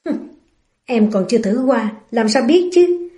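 A brash young playboy from an audiobook novel, teasing and sure of himself, read out by a woman. The voice is mellow and set a little high. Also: expressive, measured pace. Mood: cocky. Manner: teasing, cocky.

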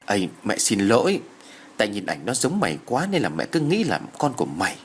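A man's voice: fairly low pitch, wildly swooping pitch, brisk, a little hiss or hum. A man voicing a distraught older village mother who wails and scolds. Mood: apologetic. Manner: wailing and scolding.

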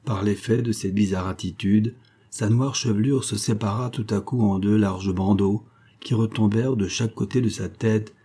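Male audiobook narrator, measured and steady, mellow dark timbre. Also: fairly low pitch, slightly rough.

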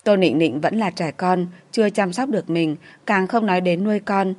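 Female audiobook narrator, lower register, steady romance storytelling. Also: moderate pace.

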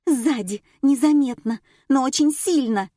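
Brief: a woman playing a shrill, insistent woman, pitched high and loud, audiobook, dry. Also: measured pace, dry recording. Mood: indignant. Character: indignant flustered woman with a dog.

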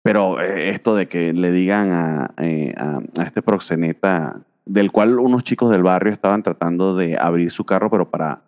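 A man talks through old comic issues on a casual podcast, circling back with fillers as he thinks. His voice sits very low. A long reverb trails behind every line. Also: moderate pace, a little mellow. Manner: rambling, many fillers like "este" and "eh". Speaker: podcast co-host.

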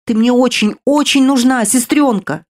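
A woman voicing a frantic younger sister in a storybook reading, pleading, sobbing and rambling in a raised, higher voice. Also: lively intonation, fairly quick, a little mellow, lightly acted. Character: frantic teenage younger sister, tearful and guilty.

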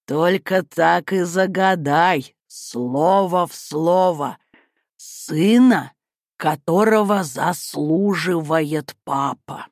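A man voicing a wise, stern old female turtle in an audiobook, speaking slowly and deliberately. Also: fairly high pitch, no echo, clean studio sound, voice pushed up. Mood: measured. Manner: slow, deliberate. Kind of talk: audiobook character voice.

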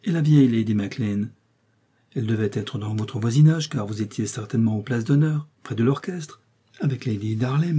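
Un homme qui prête sa voix à une femme vive et perspicace, taquine et câline, dans un livre audio. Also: male voice, medium pitch, normal speed, dark tone, husky, close to an everyday voice. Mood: teasing, coaxing. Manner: arch, coaxing, playful. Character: lively shrewd middle-aged woman, teasing invalid friend.

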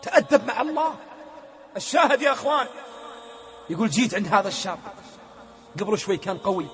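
A man telling a story in a fervent sermon, moving between hushed and loud delivery, recorded with long reverb. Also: high voice, sing-song, fast. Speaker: preacher.

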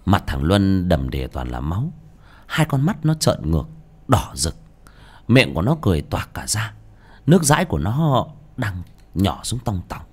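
A man giving dramatic, expressive scripted narration of a horror story. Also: low voice, normal speed, slightly rough. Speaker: audiobook narrator.

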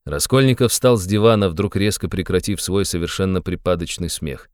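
A man reading a novel aloud as narrator, in a low, measured storytelling voice. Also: darkish tone, no room sound, clean studio sound. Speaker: audiobook narrator. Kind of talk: scripted narration.

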